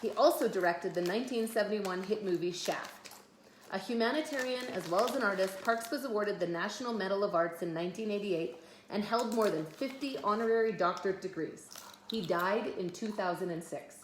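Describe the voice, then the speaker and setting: Speaking a little fast at a medium pitch, a woman reads a children's biography aloud to her kids at home and drops in casual comments. The room echoes, and there's faint background noise.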